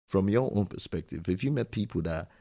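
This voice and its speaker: A man's voice: low voice, lively intonation, fairly quick, gravelly, dark tone. A man who immigrated to Germany hosting an interview and asking long, rambling questions with frequent restarts. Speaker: podcast host. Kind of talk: casual interview.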